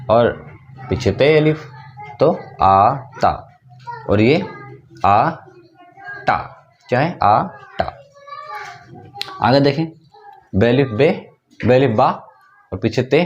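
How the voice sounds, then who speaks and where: A man's voice: mid-range voice, highs cut off, a little hiss or hum. A male teacher giving an online script lesson, patiently spelling out each word and repeating every answer as a question to the learner. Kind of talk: online class, step-by-step explaining.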